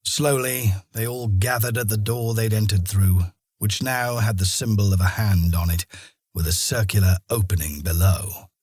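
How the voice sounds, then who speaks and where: A man narrating a fantasy audiobook in a steady storytelling manner. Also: on the low side, moderate pace, slightly rough, dry recording, studio quality. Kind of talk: scripted narration.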